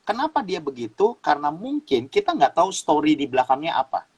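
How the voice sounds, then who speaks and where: Husky guy from sumatra preaching casually on a talk show, voice jumps all over, laughs a lot. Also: a little high, brisk, poor audio. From Sumatra, Indonesia. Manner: lively preacher-style explaining with laughs and repeated phrases. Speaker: guest youth speaker.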